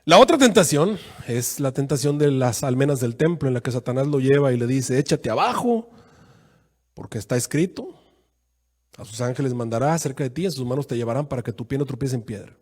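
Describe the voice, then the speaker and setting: A man preaching a sermon as pastor, acting out quoted voices with sudden jumps in pitch. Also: a little fast.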